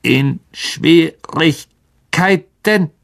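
A man's voice: a little high, vocal fry, fairly bright tone, voice pushed up, full character voice. Aragog, a man voicing an ancient blind spider. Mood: wary. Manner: slow, drawn-out menacing speech. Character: ancient blind giant male spider, irritable. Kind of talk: audiobook character voice.

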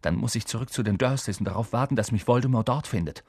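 A man reading aloud, voicing a determined young schoolboy in a hushed, earnest way. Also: medium pitch, fast talker, slightly rough, dry recording, studio quality. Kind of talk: audiobook character voice.

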